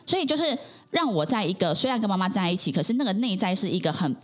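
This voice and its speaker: A woman's voice: medium pitch, very animated, quick pace. A woman, a podcast guest earnestly telling her personal story in conversation, with frequent affirming interjections.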